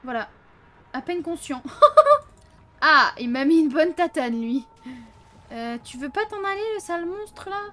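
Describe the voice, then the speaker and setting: A woman's voice: sits high, lively intonation, normal speed, fairly bright tone. A woman doing casual let's play commentary at a close desk microphone, chatting to viewers and letting out flustered yelps under stress. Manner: chatty, addresses viewers, frequent "hein".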